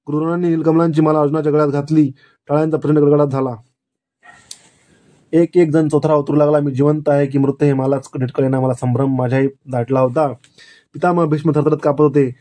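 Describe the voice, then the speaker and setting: Man narrating in a flat, measured way. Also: a little high. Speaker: audiobook narrator. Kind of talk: dramatic first-person novel narration.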